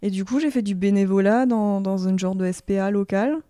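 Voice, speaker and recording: Chatty Alsatian woman with a mellow voice. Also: mid-range voice, steady tone, fairly quick. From Alsace, France. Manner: chatty, with many fillers and restarts. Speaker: choir founder and conductor. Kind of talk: casual interview chat.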